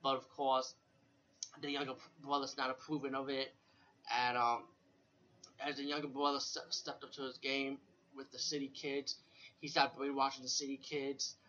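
This man speaks at medium pitch with little rise and fall, at a moderate pace, sounding pushed and bright. He hosts a horror film retrospective, rambling unscripted and informally, repeating himself, cursing, and saying "you know" a lot. A nearby air conditioner fan adds slight noise to the dull, lo-fi audio.

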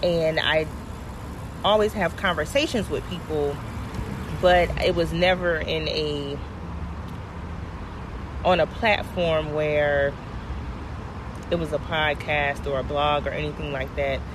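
A woman's voice: low-pitched, steady tone, takes it slowly, long pauses. A woman hosting a podcast in a casual, friendly, conversational way, speaking directly to her listeners. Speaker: podcast host. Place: outdoors on location, traffic behind. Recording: outdoor location with clear traffic noise.

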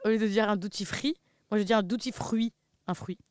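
Fast-talking young Frenchwoman, joking. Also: mid-range voice, clean tone, no room sound, studio quality. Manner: jokey, bursts into loud laughing exclaims. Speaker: co-host. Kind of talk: casual chat.

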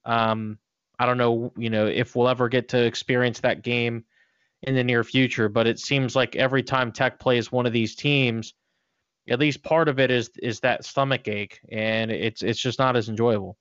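A man's voice: mid-range voice, steady tone, moderate pace, a bit bright, clean tone, no echo. A man co-hosting a podcast with casual, conversational sports talk. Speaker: podcast co-host. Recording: dry, dull lo-fi podcast audio.

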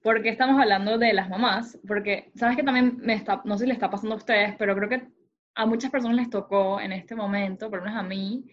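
A woman's voice: medium pitch, steady tone, fast talker, muffled recording. A woman, talking casually and expressively with friends. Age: 20s. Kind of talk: casual chat among friends.

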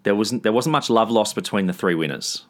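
A man's voice: on the low side, brisk. An Australian man chatting casually about sport as a co-host, with a blokey, laconic, sweary manner. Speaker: sports talk show co-host.

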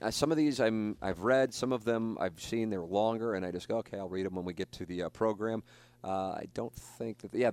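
A man's voice: low voice, smooth. A man hosting a talk show, chatting casually and rambling, with many restarts and fillers. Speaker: radio show host.

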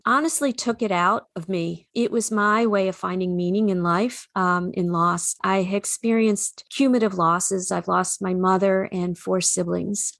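Woman author, New England accent, gravelly, dry close sound, earnest. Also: mid-range voice, dry recording. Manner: earnest, reflective, with frequent restarts. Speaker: children's book author and speaker. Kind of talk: conversational interview.

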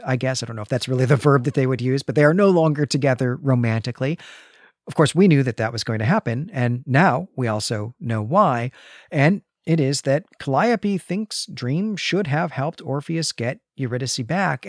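Talking through a comic on a podcast he co-hosts, a man analyzes the story conversationally, as a literary discussion, and keeps tossing in tag questions such as "right?" His voice has a medium pitch. The recording is dry, with clean studio sound.

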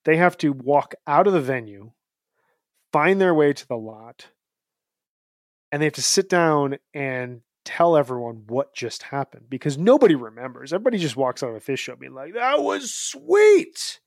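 A man's voice: mid-range voice, expressive, moderate pace, no room sound, studio quality. A man in his thirties co-hosting a podcast, chatting in an upbeat, rambling, jokey way. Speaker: podcast co-host. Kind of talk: casual podcast chat.

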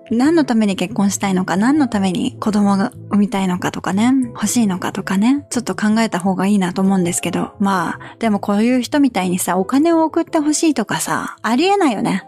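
A woman's voice: mid-range voice, a little mellow. A woman hosting a casual advice podcast, frank and blunt, also coaching English pronunciation. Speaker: podcast host.

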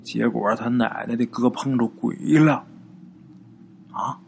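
A man's voice: mid-range voice, steady tone, slow, vocal fry, a little hiss or hum, pitched below the performer's own voice. A man voicing a boastful middle-aged village man who talks in a coarse, folksy way. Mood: boastful, spooked. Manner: coarse, swaggering folksy talk.

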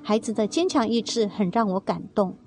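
A woman's voice: mid-range voice, lively intonation, a little fast, music in the background. A woman reading a first-person testimony aloud in a tender, earnest storytelling manner.

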